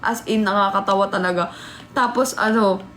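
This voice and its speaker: A young woman vlogger telling a story in casual chat, animated and laughing, acting out what people said. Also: medium pitch, moderate pace, a little hiss or hum. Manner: animated, laughing, acts out quotes.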